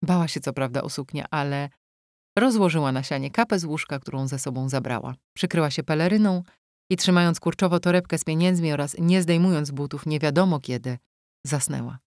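A woman narrating an audiobook in a measured, even storytelling manner, close to a studio microphone. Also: low voice, no room sound. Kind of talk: scripted narration.

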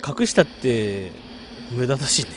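A man's voice: medium pitch, expressive, a little slow, noisy background. A man streaming a game late at night, chatting casually and muttering reactions to the gameplay. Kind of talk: late-night casual chat while gaming.

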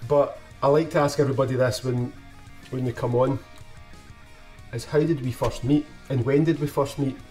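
A man's voice: mid-range voice, steady tone, moderate pace, mellow, recorded from a distance, faint music behind. A middle-aged Scottish man hosting a casual interview in a small home studio, chatty and asking leading questions. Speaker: podcast host. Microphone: desk microphone, camera set back.

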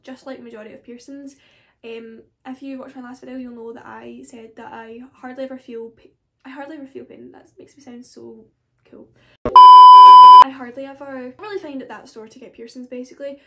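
Chatty high-voiced woman. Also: a little mellow. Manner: chatty and rambling, with frequent asides. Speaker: beauty vlogger. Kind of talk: casual chat to camera.

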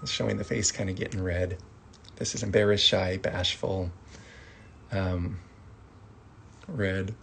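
A man teaching a casual sign language lesson, speaking softly and acting out short example phrases. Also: deep voice, steady tone, creaky, slight background noise. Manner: slow, soft-spoken, acts out example phrases.

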